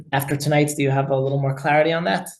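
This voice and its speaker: A man leads a class as a rabbi, lecturing and discussing in a quick, fairly even voice that sits on the high side. His manner is emphatic and full of repeated words, and the low-quality recording has a roomy sound.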